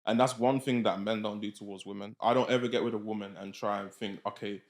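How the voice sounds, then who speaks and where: A man's voice: lowish voice, fairly even intonation, fast. A man with a London roadman accent and street slang, chatting casually on a podcast.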